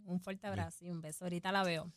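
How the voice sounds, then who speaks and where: A woman's voice: lowish voice, little pitch movement, no echo. A young woman from Puerto Rico with a Puerto Rican accent, a regular on a radio show, chatting cheerfully and easily in a studio. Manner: cheerful, chatty, quick to laugh. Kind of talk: casual radio chat.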